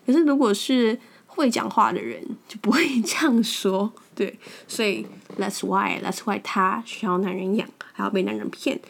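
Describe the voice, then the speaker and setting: A woman's voice: mid-range voice, moderate pace, creaky, hardly any pauses. A young woman with a Taiwanese Mandarin accent, hosting a podcast and telling stories in a frank, blunt way, often repeating words as she restarts. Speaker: podcast host. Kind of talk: casual storytelling monologue.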